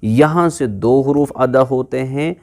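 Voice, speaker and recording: Man, Quran teacher, slow explanatory lesson, drawn-out example sounds, medium pitch. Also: a little mellow. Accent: Urdu-speaking.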